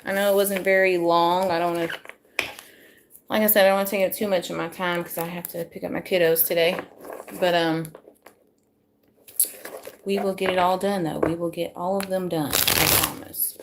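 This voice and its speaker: A woman, going a bit hoarse, chatting to viewers as she gives a casual live tarot reading into her phone at home. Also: fairly low pitch, flat delivery, moderate pace, long pauses, noisy background. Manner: chatty, self-deprecating, talks to viewers. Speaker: tarot reader.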